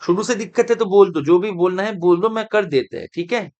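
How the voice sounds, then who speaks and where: A middle-aged man teaching math in an exam-prep lecture, calling his students "beta" and often asking whether they follow, sometimes speaking very slowly. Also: high voice, darkish tone, muffled recording. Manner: addresses students as beta, asks if it is clear; mixes Hindi with English math terms and some Bengali.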